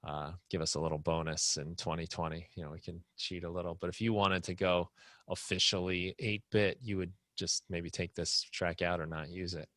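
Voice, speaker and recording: A man's voice: deep voice, fairly even intonation, moderate pace, fairly bright tone, no room sound. A man hosting a live online music production class, explaining casually with many fillers and restarts.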